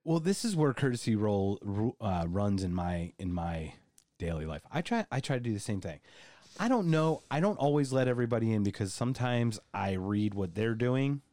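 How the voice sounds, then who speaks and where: Low-voiced podcast dude, super expressive swoopy pitch, playful banter. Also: male voice, normal speed, dry recording. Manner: playful, over the top, breaks into high squeals of delight. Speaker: podcast co-host. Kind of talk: casual banter.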